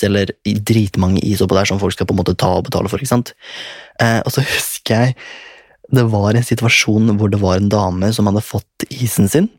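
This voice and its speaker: A man's voice: lowish voice, darkish tone, dry recording. A young man casually telling a story in a rambling way. He swears often and laughs as he goes.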